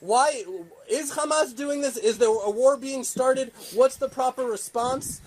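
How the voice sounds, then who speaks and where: A man moderates a casual roundtable, throwing out quick questions in an enthusiastic, joking way. His voice sits very high for a man. Faint noise hums behind him. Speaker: host, moderator.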